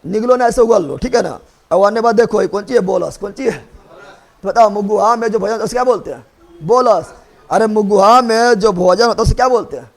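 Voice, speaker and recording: A man's voice: sits high, brisk, gravelly. A man teaching a biology class, drilling students with repeated questions and playfully scolding them. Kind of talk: classroom lecture.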